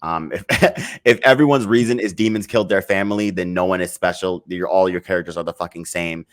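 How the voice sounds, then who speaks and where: A man's voice: deep voice, fairly even intonation, brisk. A man co-hosting a casual podcast, rambling and swearing as he picks apart a story, restarting his sentences. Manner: rambling, restarts often, swears, laughs in frustration. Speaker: podcast co-host. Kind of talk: casual chat.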